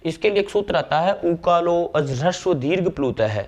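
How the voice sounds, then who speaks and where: A man explaining grammar step by step, slowing down to recite verses and sounds. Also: on the high side, lively intonation, darkish tone, a little hiss or hum. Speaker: Sanskrit grammar teacher. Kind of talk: classroom lecture.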